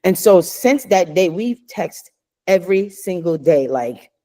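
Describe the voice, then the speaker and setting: A woman's voice: on the low side, animated, measured pace, warm tone. Middle-aged woman, earnest rambling storyteller on a chat show. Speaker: co-host. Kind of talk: casual chat.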